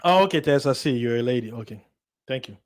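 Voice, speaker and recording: A man's voice: mid-range voice, lively intonation, fast. A man from Central Africa whose first language is Lingala, talking to a livestream audience in a casual, emphatic monologue full of repetition, restarts and rhetorical questions. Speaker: livestream host.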